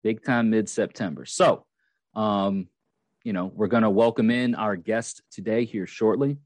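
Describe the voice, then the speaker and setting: Rambling low-voiced podcast host, man. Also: steady tone, unhurried, no echo. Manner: rambling, many fillers and restarts. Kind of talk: casual podcast chat.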